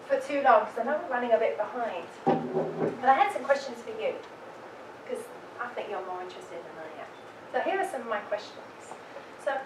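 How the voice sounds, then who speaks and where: A London-accented woman from England, her voice a little high, moderates a panel and banters with the crowd, asking them questions in an engaging, chatty manner. The background is noisy, and she is recorded from a distance in a roomy event space with an audience.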